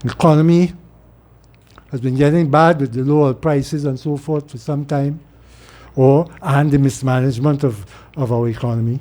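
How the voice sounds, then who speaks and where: A middle-aged political speaker from Trinidad, his voice a little high and mellow, gives a rambling informal monologue. His accent is Trinidadian, and he repeats words whenever he restarts a thought.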